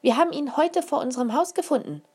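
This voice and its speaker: A bright, squeaky little girl, all breathless excitement and curiosity. Her voice leaps far above the reader's own and sounds quite unlike her. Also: quick pace. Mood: proud.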